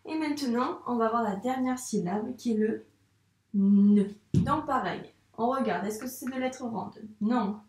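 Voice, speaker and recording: A young woman teaching handwriting to young children speaks with a fairly high pitch at normal speed. This primary school teacher is patient, asking questions and answering them on her own, in a reverberant space.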